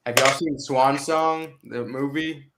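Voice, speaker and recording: A young man on a livestream panel, speaking in a relaxed, slangy way. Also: medium pitch, takes it slowly, heavy background noise. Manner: relaxed, slangy, enthusiastic recommending. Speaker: panel guest. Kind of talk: casual chat. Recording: roomy echo.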